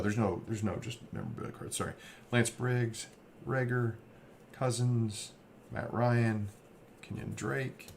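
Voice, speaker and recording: A man's voice: on the low side, creaky, darkish tone. A man hosting a card break, casually rambling as he reads off player names. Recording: faint background noise.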